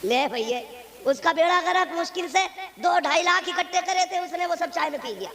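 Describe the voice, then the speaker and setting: An imam whose voice is extremely high delivers an emphatic sermon in a north Indian Urdu accent at a religious gathering, with the live crowd audible around him. He tells stories conversationally, asks sharp rhetorical questions, and shifts from soft asides to loud, forceful urging.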